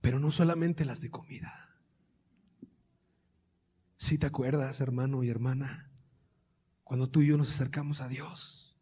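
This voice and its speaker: A man preaching a sermon, moving between quiet, hushed teaching and loud, impassioned passages full of repeated rhetorical questions. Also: medium pitch, fairly even intonation, a little slow, long pauses, breathy edge, big-room sound. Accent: Colombian Spanish.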